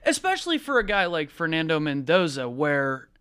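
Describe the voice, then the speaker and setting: Smooth-voiced male sports co-host. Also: on the high side, wildly swooping pitch, pushed and bright, no room sound, clean studio sound. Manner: conversational, quick to agree. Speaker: producer and co-host. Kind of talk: studio sports talk. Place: studio.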